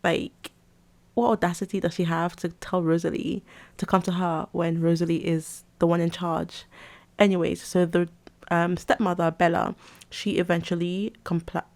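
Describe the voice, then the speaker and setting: A woman's voice: on the low side, little pitch movement, moderate pace, darkish tone. A woman casually retelling a comic's plot, chatty and full of fillers and restarts. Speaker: webcomic recapper. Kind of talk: casual story recap.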